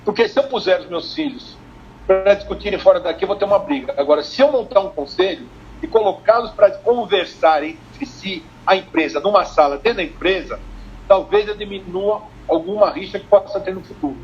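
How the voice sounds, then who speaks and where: An older Brazilian man, a family business consultant, telling lively stories in a live-streamed interview and acting out the dialogue. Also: high voice, a little fast. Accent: Brazilian Portuguese. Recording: dull lo-fi stream, faint noise.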